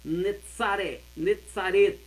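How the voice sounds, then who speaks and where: A man teaching a lesson, explaining and repeating words slowly and carefully. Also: high-pitched, rough recording. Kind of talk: explaining Hebrew words of a Bible verse.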